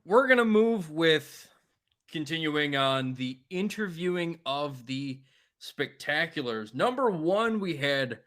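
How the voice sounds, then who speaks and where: A man swears freely and talks bluntly as he co-hosts a podcast. His voice is bright and swings lively up and down. He sits a little higher than most men. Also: slow. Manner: profane, blunt, animated. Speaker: podcast co-host. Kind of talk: casual chat.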